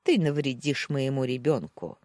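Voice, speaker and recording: A woman voicing a greedy, scheming young woman with a pushy, sharp-tongued manner, reading an audiobook. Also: rumbling low, expressive, moderate pace, no room sound. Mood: stern.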